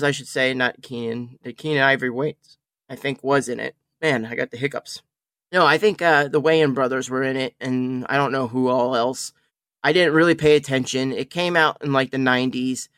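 A podcast host from the Altoona, Pennsylvania area, chatting casually in an animated, rambling way and stumbling over words. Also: medium pitch, no room sound, clean studio sound. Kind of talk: casual review chat.

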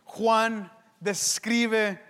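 High-voiced preacher, slow and echoey. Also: male voice, clear, resonant tone. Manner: animated storytelling with vocal sound effects. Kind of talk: sermon.

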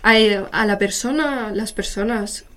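A woman's voice: medium pitch, a little slow. A young woman co-hosting a podcast, chatting casually and acting out little scenes as she talks. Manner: animated, acts out little scenes. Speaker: podcast co-host. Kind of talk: casual chat.

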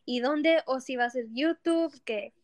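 A woman's voice: high-pitched, unhurried. A woman hosting a casual Spanglish podcast, speaking hesitantly and restarting her phrases as she goes. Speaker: podcast host.

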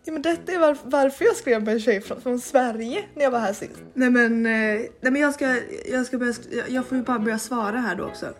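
A woman's voice: on the high side, few pauses, soft background music. A woman from Sweden living in Paris, co-hosting a podcast and telling stories in casual chat, with lots of fillers and restarts. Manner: rambling storyteller, many fillers and restarts. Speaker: podcast co-host.

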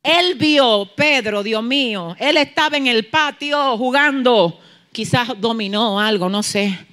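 A woman preacher. She delivers a fervent sermon and swings from hushed, intimate asides to shouted peaks. She acts out bits of dialogue in quoted voices. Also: fairly high pitch, takes it slowly. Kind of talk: Pentecostal-style sermon.

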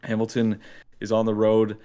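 A man's voice: fairly low pitch, monotone, normal speed, warm tone. A young man co-hosting a sports podcast, cocky and teasing, boasting about his picks. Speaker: podcast co-host. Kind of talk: casual sports podcast chat.

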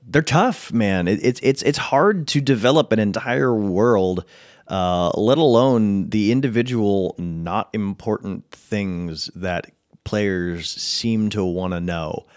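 A man's voice: fairly low pitch, slow, darkish tone, no room sound, clean studio sound. A man with an American accent hosting a podcast, giving casual advice to game masters, laid-back with frequent chuckles and restarts.

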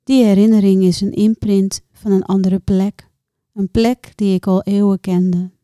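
A woman recites her own poetry in a measured, contemplative manner, leaving deliberate pauses between short phrases. Her mid-range voice is level and mellow, recorded dry with studio quality.

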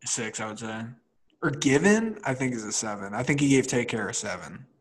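A man's voice: mid-range voice, animated, fairly quick. A young man hosting a podcast, chatting casually and laughing often, with lots of fillers as he trails off. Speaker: podcast host. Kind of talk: casual chat.

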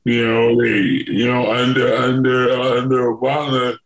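A man's voice: medium pitch, level tone, a little slow, a crowd in the background. Guy from buffalo new york, fired up, keeps repeating words, echoey room sound. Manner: emphatic, repeats words, frequent restarts. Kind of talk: conversational interview.

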